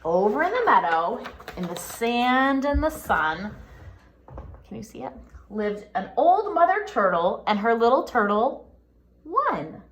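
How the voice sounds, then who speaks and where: In a low-quality recording, a woman with a slightly high voice reads a picture book to young children in an expressive, singsong manner. Like a pre-K teacher, she stops now and then to ask questions.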